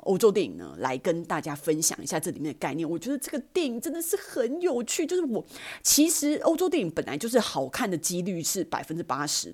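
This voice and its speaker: A woman's voice: fairly low pitch, husky. A woman with a Taiwanese Mandarin accent, hosting a podcast and chattily retelling a film. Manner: animated, chatty storyteller. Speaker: podcast host. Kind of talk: casual chat retelling a film.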